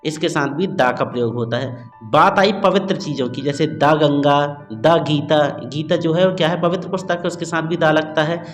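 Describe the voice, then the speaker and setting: A man's voice: on the high side, moderate pace, soft background music. A man teaching a grammar lesson, explaining step by step to students and checking understanding often. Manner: addresses students as "bachcho".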